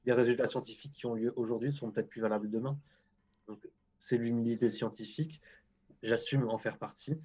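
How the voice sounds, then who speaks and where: On a live stream, a guest agroclimatologist with a French accent talks fairly quickly in a medium-pitched, steady, slightly mellow and husky voice. The audio is dull, and his blunt, self-deprecating delivery is full of restarts.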